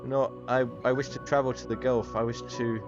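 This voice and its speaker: A man voicing a ragged, pleading ghoul in a tabletop game, with the raspy, halting voice of a very old man. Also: medium pitch, little pitch movement, natural voice. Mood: desperate, weary. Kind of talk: tabletop game character acting. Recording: dull recording with background music.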